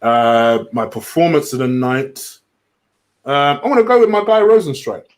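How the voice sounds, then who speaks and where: A man's voice: medium pitch, animated, moderate pace. A man hosting a casual fight-preview chat, teasing his co-hosts and laughing often. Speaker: podcast host.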